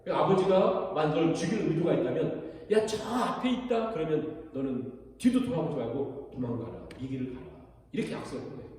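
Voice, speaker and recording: Korean pastor preaching in an echoing hall. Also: male voice, fairly high pitch, very animated, fairly quick, mellow. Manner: retells scripture with acted quotes of the characters. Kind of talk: sermon. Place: church sanctuary. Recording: echoey hall recorded from a distance.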